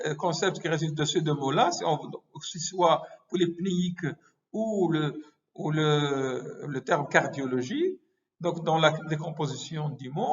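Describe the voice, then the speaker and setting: High-voiced man lecturing haltingly. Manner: halting, many hesitations and self-corrections. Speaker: medical lecturer. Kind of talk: explanatory lecture. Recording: muffled lo-fi recording.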